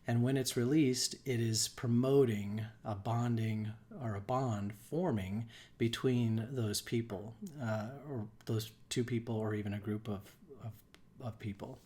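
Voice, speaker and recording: Unhurried man hosting a wellbeing talk. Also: medium pitch, a little mellow. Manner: unhurried, reflective, frequent fillers and restarts. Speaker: life coach hosting a live show.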